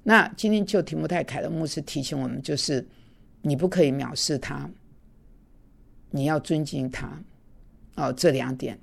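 A woman's voice: low-pitched, moderate pace, vocal fry, long pauses. A woman teaching an online Bible class, earnest and conversational, slipping in English words now and then.

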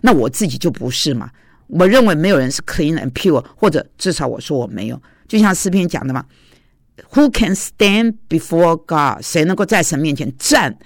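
A man's voice: fairly high pitch, sing-song, a little fast, vocal fry, no room sound, studio quality. A man who teaches at a seminary and preaches, giving an informal devotional talk in a confessional storytelling way with frequent hesitations.

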